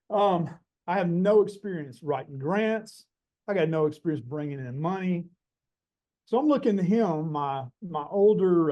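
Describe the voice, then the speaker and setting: A botany professor in his forties tells a story to a group, casual and lively, jumping into the voices of the people in it. His voice sits a bit above the usual pitch for a man. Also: poor audio. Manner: animated, casual, acts out dialogue. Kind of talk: storytelling talk.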